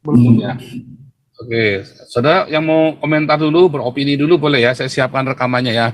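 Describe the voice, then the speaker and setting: Male pastor, casual livestream preaching, talks straight to his viewers, voice spikes high when agitated. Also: brisk. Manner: keeps addressing listeners as brothers and sisters, pitch leaps when agitated.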